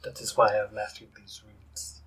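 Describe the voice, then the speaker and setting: Man playing a low, brooding cursed barbarian. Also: level tone, normal speed, a bit bright, slight background noise, lightly acted. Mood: grave, guarded.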